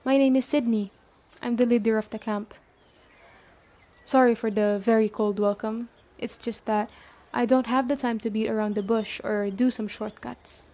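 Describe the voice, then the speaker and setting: A woman in an ASMR roleplay voices the stern, caring female head of an apocalypse survivor camp, talking directly to the listener in a brisk, matter-of-fact way. Her natural voice is a little high, very mellow and soft-edged, and here her mood turns apologetic and softening.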